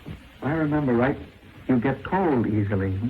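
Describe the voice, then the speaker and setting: A man's voice: mid-range voice, animated, normal speed, close to an everyday voice. An actor playing a stern, dryly teasing male professor in the formal, stagey manner of an old 1920s movie, on a crackly, muffled film soundtrack. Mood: teasing, intimate. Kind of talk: stagey early-talkie 1920s movie acting.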